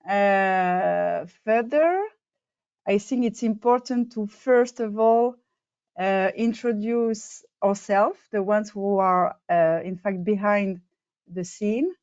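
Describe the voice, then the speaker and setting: Woman, meeting host, unhurried, halting with fillers, muffled dry call audio. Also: medium pitch, darkish tone, clean tone, no echo. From Belgium. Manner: hesitant, many fillers. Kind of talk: online meeting welcome. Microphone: video call.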